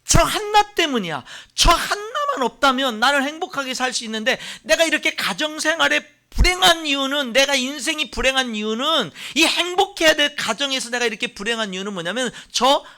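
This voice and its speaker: A preacher putting on a resentful jealous wife who pins every sorrow on her rival. She is insistent and accusing, with a lively, swinging pitch and a bright tone. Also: brisk, hardly any pauses, exaggerated voice. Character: bitter jealous woman blaming her rival.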